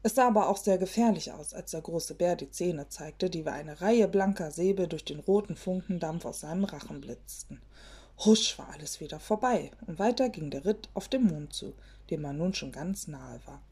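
A woman reading a children's fairy tale aloud in a gentle storybook manner, sometimes dropping to a hush. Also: on the low side, lively intonation, normal speed, husky.

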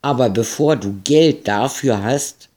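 A man's voice: mid-range voice, measured pace, warm tone, close to an everyday voice. A man voicing a stern, impatient farm woman who scolds in a grumpy tone.

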